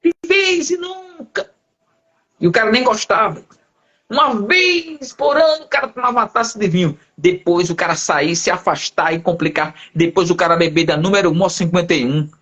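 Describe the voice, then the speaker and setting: A male pastor telling a lively testimony in a live conversation, acting out the voices of the people in his story. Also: sits high, brisk, dull audio. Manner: lively storyteller who acts out quoted voices.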